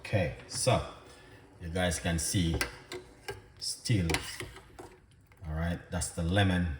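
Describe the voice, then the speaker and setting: Speaking slowly in a low, fairly even voice, a man hosts a casual cooking live stream and chats cheerfully with viewers, greeting each by name and place. The recording has echo from the room, a far-off mic, and background noise.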